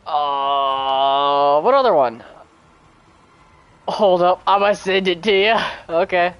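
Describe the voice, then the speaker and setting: Woman, low voice, playful gamer banter. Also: takes it slowly, clear, resonant tone, no room sound, dull audio. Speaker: streamer. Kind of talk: casual gaming chat.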